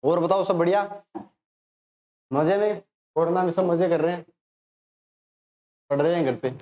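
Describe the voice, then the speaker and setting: An Indian man teaching maths online, working through problems in a chatty way and urging students to pause and try. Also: on the high side, darkish tone. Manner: chatty, talks to students as if they ask questions; encouraging, urges students to pause and solve. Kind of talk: online lesson, solving problems.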